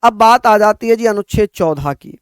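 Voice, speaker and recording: High-voiced man teaching exam prep. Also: expressive, moderate pace, clean tone, dry recording, clean studio sound. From Uttar Pradesh, India. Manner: addresses students as bhaiya, repeats points for dictation.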